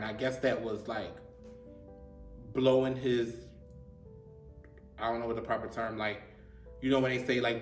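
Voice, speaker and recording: Man telling a hard story, halting. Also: mid-range voice, fairly bright tone. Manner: halting, repeats himself, many "like" fillers. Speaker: host. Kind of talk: personal storytelling. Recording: roomy, distant mic, faint music.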